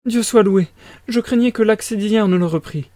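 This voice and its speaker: A fussing, anxious middle-aged mother pours out flustered, gushing words, put on by a man reading a novel aloud. The voice is lifted higher than a plain reading voice, and the sound is dry and close to the mic. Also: normal speed, mellow, no room sound, lightly acted. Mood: relieved. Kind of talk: audiobook reading.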